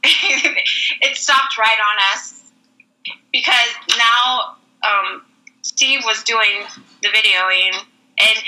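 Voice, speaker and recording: Woman, casual anecdote, very bright tone, slightly high voice, animated, lots of "like" fillers, higher-pitched acted quotes. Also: poor audio. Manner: animated, heavy use of "like" fillers. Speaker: storyteller.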